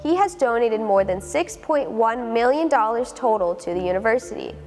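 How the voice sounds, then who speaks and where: Woman narrator, scripted news voice-over, fairly high, reverberant, soft music under. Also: expressive, moderate pace. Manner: clear, read-out delivery. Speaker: student reporter and narrator.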